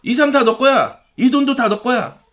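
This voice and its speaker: A man voicing a sly, tempting devil who coaxes and flatters. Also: very high-pitched, normal speed, pitched above the performer's own voice. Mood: coaxing. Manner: coaxing, flattering.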